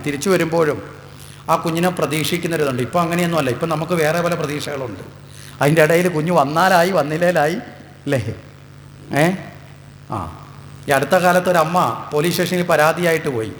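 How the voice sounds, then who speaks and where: A man's voice: high-pitched, a bit bright. A man from Kerala, India, giving a devotional discourse, telling stories and asking the listeners rhetorical questions. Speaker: Bhagavatam discourse speaker. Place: temple hall. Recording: echoey hall with faint hum.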